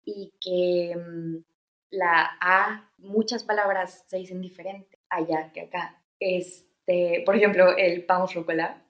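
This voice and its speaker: In a slow, steady, lowish voice, a woman in her thirties with a Mexican Spanish accent tells casual stories about her life as an interview guest, with many fillers and restarts. The recording is reverberant and sounds dull.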